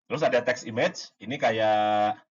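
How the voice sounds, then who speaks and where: A man with a slightly husky voice explains AI concepts in a relaxed, informal lesson. He talks loosely, with fillers and restarts, and now and then acts out short exchanges. The recording sounds somewhat dull and lo-fi. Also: fairly low pitch, a little slow. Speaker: AI course instructor.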